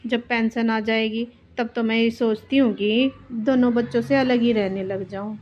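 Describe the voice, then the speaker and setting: A woman's voice: fairly high pitch, steady tone, normal speed, slight background noise, close to an everyday voice. A woman voicing an overworked elderly mother-in-law who complains about her daughters-in-law. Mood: complaining. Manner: complaining, self-pitying. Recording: dull lo-fi with faint music.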